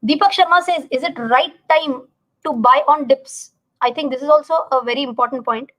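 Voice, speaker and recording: A woman's voice: high-pitched, normal speed, a bit bright, poor audio. A woman with an Indian accent explaining informally on a live stream like a teacher, repeating words for emphasis and checking that listeners follow. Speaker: finance educator hosting a live market explainer.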